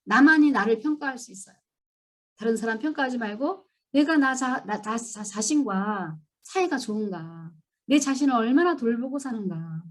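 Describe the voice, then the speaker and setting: A woman giving a church seminar lecture, telling stories and acting out scolding lines in an animated way. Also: a little high, moderate pace. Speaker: seminar speaker.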